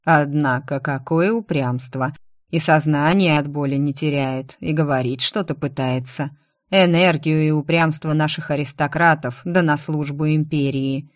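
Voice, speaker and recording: A woman reading the part of a stern imperial prince in an audiobook, with clipped, unhurried lines. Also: deep voice, steady tone, no room sound, studio quality. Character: stern imperial prince, grown man, commanding.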